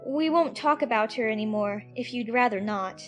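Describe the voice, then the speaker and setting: A little storybook girl played by a woman, very high in pitch. She is polite and earnest, musing as if to herself and easily distressed. Soft music sits behind her in this audiobook drama. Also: normal speed, lightly acted. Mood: apologetic, chatty.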